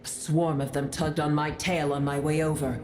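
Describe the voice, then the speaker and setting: An actress playing a proud, scornful ancient female dragon who speaks slowly and with contempt, in a game. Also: low-pitched, flat delivery, darkish tone, a little hiss or hum, natural voice. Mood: disdainful. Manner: haughty, contemptuous, slow and deliberate. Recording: roomy echo over game music.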